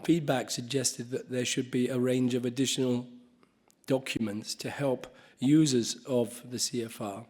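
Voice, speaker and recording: A man chairs a conference panel in a hall, speaking off the cuff. His delivery is halting, full of restarts and occasional coughs, at a middling pitch. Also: fairly even intonation, darkish tone.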